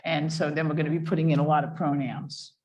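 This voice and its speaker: A woman chairing a commission meeting, steering the discussion and reading proposed wording out slowly and carefully. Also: low-pitched, flat delivery, a little mellow, poor audio. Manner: methodical, reads wording out slowly. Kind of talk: leading a public meeting. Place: meeting room.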